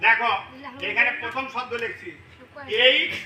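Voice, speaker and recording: A man teaching English in a large classroom, loudly leading call-and-response drills. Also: very high voice, moderate pace. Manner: loud, energetic, often shouting prompts to a class. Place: large classroom full of students. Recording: echoey classroom, distant mic, loud student chorus and noise.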